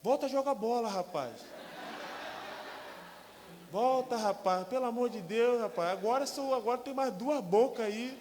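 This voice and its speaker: A man voicing his excited older father, who loudly and emphatically urges his son. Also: very high voice, fairly quick, voice pushed up. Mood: urging. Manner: loud, emphatic pleading. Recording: long hall reverb with faint hiss.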